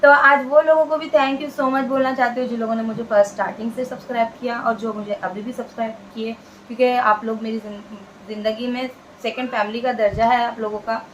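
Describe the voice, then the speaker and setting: A vlogger woman talks straight to her viewers in a fairly high voice. She is earnest and chatty and repeats her phrases to drive them home. A faint hiss sits under the talk. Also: fairly even intonation, fairly quick, poor audio. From India. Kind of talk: casual talk to camera.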